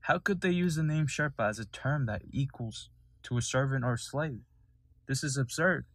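A man's voice: mid-range voice, moderate pace, fairly bright tone, no room sound. A young man from Nepal hosting a solo podcast, telling his story in an earnest, sometimes indignant way. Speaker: podcast host.

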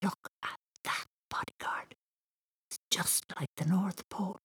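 A woman voicing an eager, imaginative young boy who whispers and shouts breathlessly. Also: fairly low pitch, lively intonation, a little slow, husky, exaggerated voice. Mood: hushed awe.

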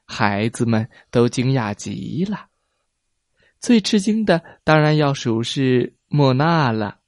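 A man narrating a children's story in a slow, expressive storytelling manner. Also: medium pitch, no room sound, studio quality.

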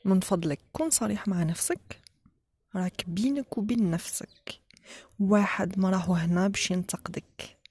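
A woman with an Algerian accent leads a guided relaxation in a soft, often whispered voice, giving short instructions with pauses between them. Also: mid-range voice, slightly rough, no room sound. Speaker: guided meditation leader.

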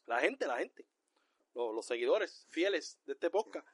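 A man co-hosting a podcast in casual pop-culture chat, ranting loudly with lots of profanity. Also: a little high, measured pace, husky, dry recording, studio quality. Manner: loud, profane, animated ranting. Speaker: podcast co-host.

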